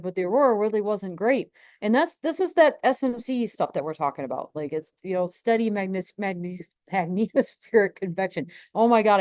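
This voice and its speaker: A woman's voice: medium pitch, darkish tone, no room sound. A woman hosting a casual live stream about space weather, rambling with many restarts and laughs.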